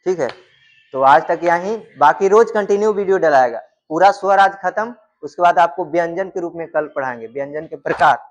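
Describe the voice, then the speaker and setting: A man's voice: fairly high pitch, normal speed. A man teaching in a classroom-style lecture, asking questions and answering them himself, and drawing out sounds to demonstrate them.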